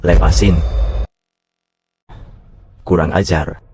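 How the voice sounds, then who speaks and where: A deep, stern executive aide. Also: male voice, steady tone, very slow, a little mellow, slight background noise. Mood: commanding. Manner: cold, commanding. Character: stern powerful male executive assistant. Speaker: corporate assistant. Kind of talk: short drama acting.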